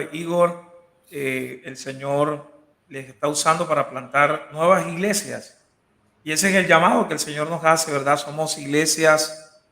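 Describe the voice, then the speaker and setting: A man's voice: fairly high pitch, gravelly, pushed and bright. A man hosting a church discussion program, welcoming his guests and speaking with many fillers. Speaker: host. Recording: echoey room.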